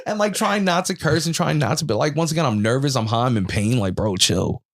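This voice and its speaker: A man in his thirties telling an animated, slangy story with swearing on a casual podcast. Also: mid-range voice, a little fast, no echo, studio quality. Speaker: podcast co-host. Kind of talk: casual chat.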